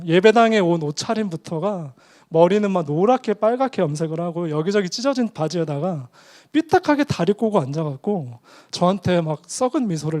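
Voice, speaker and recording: A man preaching a sermon as pastor, telling a story in an animated way with acted quotes. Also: sits high.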